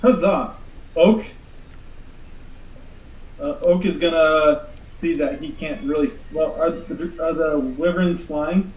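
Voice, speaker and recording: A player chatting casually in a tabletop game, playful and quick to laugh. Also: female voice, low-pitched, echoey room, recorded from a distance, low-quality recording. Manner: playful, laughs a lot, shouts out.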